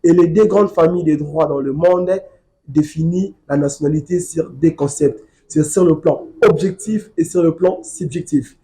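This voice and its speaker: Congolese guy explaining law like a professor, kinda high voice but mellow, keeps talking over interruptions. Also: normal speed. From Democratic Republic of the Congo. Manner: professorial, insists on finishing his point. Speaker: political guest, legal researcher. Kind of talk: studio debate, lecturing.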